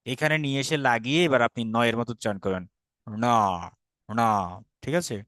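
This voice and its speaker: A man's voice: mid-range voice, racing, fairly bright tone. A man with a Bangladeshi Bengali accent teaching an online language class. He explains patiently, repeats sounds for students to echo, and mixes in English words. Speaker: Sanskrit teacher.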